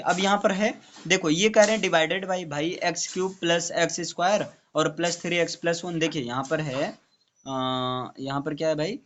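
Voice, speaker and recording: A man's voice: high-pitched, a bit bright, a little hiss or hum. A male tutor teaching maths to a student, explaining step by step and checking in often. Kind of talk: classroom maths lesson.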